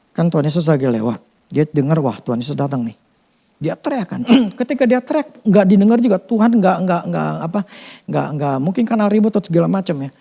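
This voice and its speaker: A man preaching a sermon as pastor, conversational and lively, swinging between loud bursts and hushed asides. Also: sits high, gravelly.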